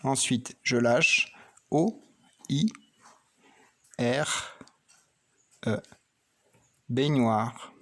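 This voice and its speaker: A man with a mid-range voice talks slowly and pauses often. In a gentle handwriting and phonics lesson for children, he patiently explains each stroke of the pen to a child and spells words out letter by letter.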